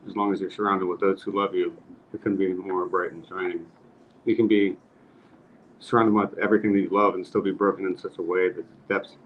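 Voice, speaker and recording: A man hosting a casual podcast chat, earnest and rambling, laughing at his own jokes. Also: low-pitched. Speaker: podcast host. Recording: slightly muffled with faint noise.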